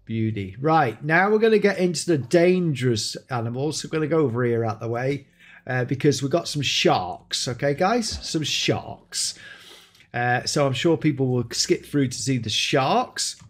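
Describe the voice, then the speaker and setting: A man's voice: mid-range voice, lively intonation, normal speed. A man hosting an enthusiastic gameplay showcase, exclaiming often as he shows off new creatures. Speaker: game showcase host. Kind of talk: excited gameplay commentary.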